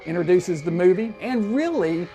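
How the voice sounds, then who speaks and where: Creaky, higher-pitched man from Tennessee. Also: animated, moderate pace, over loud music. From Nashville, Tennessee. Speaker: horror host being interviewed. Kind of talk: interview explanation.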